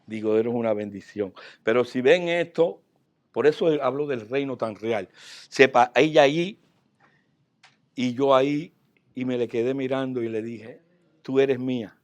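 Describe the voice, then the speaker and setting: Male pastor, sermon storytelling, animated, medium pitch. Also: unhurried. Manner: animated, swinging from soft asides to loud outbursts.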